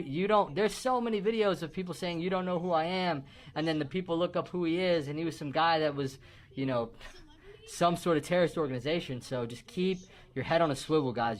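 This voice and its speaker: A man commenting casually on a clip in an emphatic, slangy way, warning his viewers. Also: on the high side. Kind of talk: casual chat.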